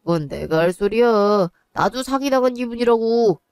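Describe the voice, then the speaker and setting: A woman's voice: on the high side, expressive, moderate pace, darkish tone, clean tone, no echo. A woman voicing a stingy, cold young husband who talks in a curt, dismissive way in a one-voice audio drama.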